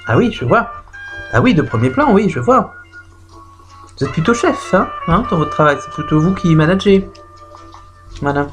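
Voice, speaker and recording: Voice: mid-range voice, animated, lightly acted. [name], a performer doing a theatrical female clairvoyant. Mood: mystic, teasing. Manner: theatrical, drawn-out "hmm" and "ouh là là", claims flashes and vibrations. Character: chatty female clairvoyant reading a caller's fortune. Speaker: fortune teller taking a call. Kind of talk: comic phone-in sketch. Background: music playing behind the voice.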